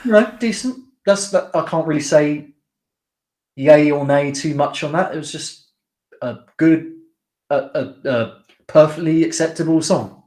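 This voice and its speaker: On a rough recording, a man with a somewhat high, slightly mellow voice speaks a little slowly while co-hosting a song-review podcast. His talk is loose and jokey, wandering from point to point with frequent hesitations.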